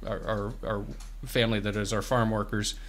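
Speaking at a moderate pace in a fairly low, flat voice, this man in his fifties represents a farm bureau as a radio guest. In a small studio, using a boom-arm microphone and headphones, he describes programs sincerely and keeps restarting his phrasing.

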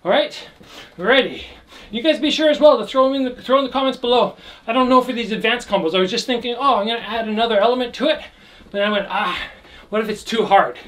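Very high-pitched and fast, a young kickboxing instructor gives workout instruction in a small indoor room lined with trophy shelves. He demonstrates the moves with energy while calling out the combos.

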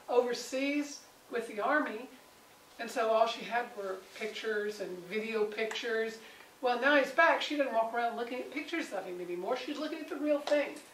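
Lively woman teaching a Bible group. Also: fairly high pitch. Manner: animated, acts out quoted voices, asks the group questions. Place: room with a small study group. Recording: roomy, distant mic, faint background noise.

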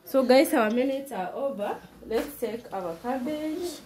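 A woman's voice: high voice, lively intonation, a little slow, heavy background noise. A Kenyan woman with a Kenyan accent chatting casually to viewers as she cooks in her home kitchen, mixing in Swahili phrases. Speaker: cooking vlogger. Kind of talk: casual cooking demonstration. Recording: loud music under voice.

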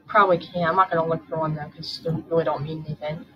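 A woman's voice: low-pitched, fairly even intonation, fast talker, a little hiss or hum. A woman with a sore throat, just woken up, hosting a casual weather forecast and thinking aloud as she goes. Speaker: channel host. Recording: dull lo-fi recording with soft background music.

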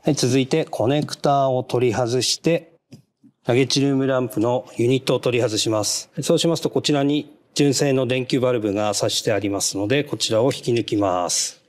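A man of ordinary pitch walks through an installation one step at a time. He talks in a polite, measured way and marks each step with a short "hai". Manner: polite, measured, repeats "hai" between steps. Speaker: product installation instructor. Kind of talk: step-by-step how-to narration.

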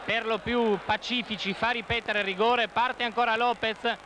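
A man from Italy giving excited, emotional football goal commentary, dramatic and repeating himself. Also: very high voice, normal speed. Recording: loud stadium crowd noise, 1990s TV broadcast. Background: football stadium crowd.

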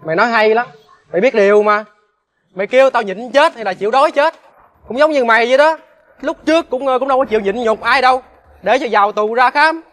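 Defiant jobless dude, bright voice, snaps back fast. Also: male voice, very high voice. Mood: sneering. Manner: defensive, sneering, quick comebacks. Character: touchy, defiant jobless young man. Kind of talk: TV crime reenactment drama.

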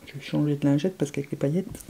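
A woman gushing over makeup swatches, excitable, often dropping to hushed murmurs. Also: low-pitched, quick pace, a little hiss or hum. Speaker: beauty vlogger.

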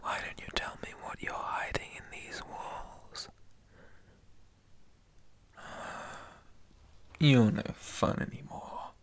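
A man performs a deranged, taunting monster boy inmate in an ASMR horror roleplay, using a breathy, whispery rasp and a slow, teasing drawl that stays close to his everyday voice. The mood is sly and menacing.

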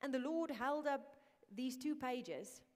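Woman preacher, earnest, fairly high voice, long hall reverb. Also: lively intonation, slow. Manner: earnest, drops to hushed whispers. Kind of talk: sermon. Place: church hall.

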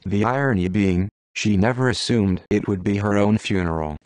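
Deadpan low-voiced male narrator. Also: normal speed, clear, resonant tone, dry recording. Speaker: audiobook narrator. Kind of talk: scripted audiobook narration.

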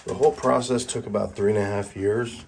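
Middle-aged man, lowish voice, wry laid-back voice-over, faint background hiss. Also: steady tone, brisk, vocal fry, a little mellow. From Los Angeles, California. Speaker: home video store builder. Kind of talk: voice-over narration of a home tour.

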